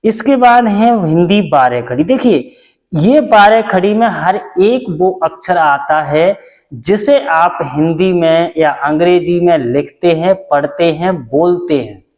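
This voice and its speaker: A man's voice: a little high, lively intonation, slow pace, darkish tone, big-room sound. A man teaching a basic lesson, patient and repetitive, asking questions and answering them himself. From India. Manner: patient, repeats each step, asks and answers own questions. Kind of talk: classroom lesson.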